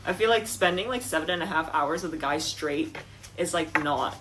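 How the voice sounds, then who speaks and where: A woman's voice: low-pitched, moderate pace, a bit bright, slight background noise, poor audio. A young adult woman co-hosting a podcast in casual chat, rambling with many restarts and giggling often. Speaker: podcast co-host.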